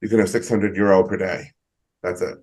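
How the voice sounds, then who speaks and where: A middle-aged man, an economist guest on a video call, explaining in a measured way with frequent ums. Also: deep voice, fairly even intonation, a little mellow, low-quality recording. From United States. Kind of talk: interview answers.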